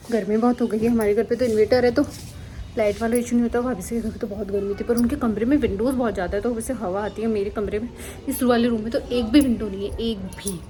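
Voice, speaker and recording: A young woman narrating her day in a casual home vlog, chatty and rambling with quick asides, recorded on a handheld phone in a village house. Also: mid-range voice. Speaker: vlogger.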